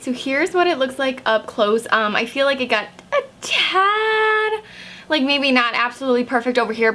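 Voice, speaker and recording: A young woman talking casually to her camera, pitched a little high with a bright, forward tone. She rambles in a relaxed, chatty way, dropping plenty of "like"s as she checks in with viewers. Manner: chatty, filler-heavy with many "like"s. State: slightly hoarse, just woken from a nap. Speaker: makeup vlogger. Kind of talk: casual video check-ins.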